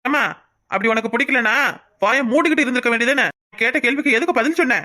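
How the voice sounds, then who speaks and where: A stern, scolding village woman from a cartoon, as a woman acts her out, firing off demanding questions. Her voice is high and she talks quickly. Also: bright, forceful tone.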